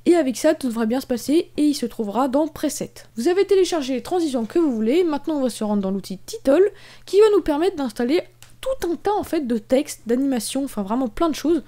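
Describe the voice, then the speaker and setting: High, mellow-voiced young woman tutor. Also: lively intonation, a little fast. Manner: casual, step-by-step, frequent fillers. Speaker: video tutorial host. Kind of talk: screen-recorded software tutorial.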